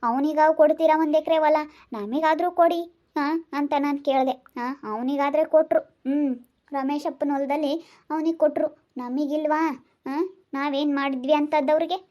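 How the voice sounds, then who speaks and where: A woman playing a high-voiced, resigned village wife. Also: fairly even intonation, moderate pace, warm tone, natural voice. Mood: consoling. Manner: soothing yet resigned, repeats rhetorical questions. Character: worried village wife consoling her relative. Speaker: actor in a village family drama. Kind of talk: amateur family drama acting.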